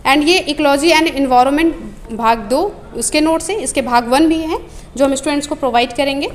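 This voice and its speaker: Speaking briskly in a high-pitched voice, a coaching institute employee explains and lists study material one booklet at a time, frequently hesitating and repeating phrases. A little hiss or hum runs beneath her.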